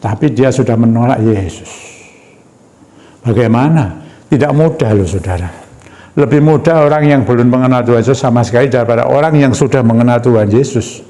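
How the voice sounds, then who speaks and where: A man's voice: mid-range voice, warm tone. A man from Indonesia preaching a sermon, telling a personal story and often calling listeners "brothers and sisters". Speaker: evangelist preacher.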